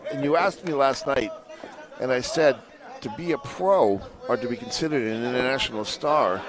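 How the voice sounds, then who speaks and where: A man's voice: mid-range voice, normal speed, music in the background, a crowd in the background. A man giving conversational, emphatic analysis as color commentator on a lucha libre match. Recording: noisy outdoor live event sound.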